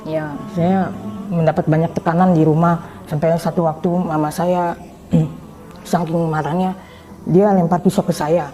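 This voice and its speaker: A woman recounting her personal conversion testimony in a hesitant, halting way, with many fillers. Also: fairly low pitch, little pitch movement, mellow, soft background music, rough recording.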